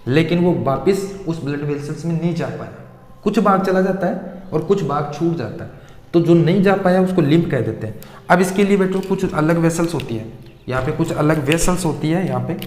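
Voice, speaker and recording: A man teaching science, putting questions to his students and answering them himself, going over the key terms again and again. His voice sits a little high for a man. The room is bare and echoey, with a long reverb trailing after each phrase. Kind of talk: blackboard science lesson.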